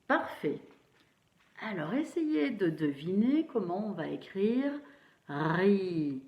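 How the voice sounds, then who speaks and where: A woman teacher giving a phonics lesson to young children, slowly spelling out syllables and praising them. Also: medium pitch, sing-song. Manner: slow, encouraging, syllable by syllable. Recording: roomy, dull lo-fi sound.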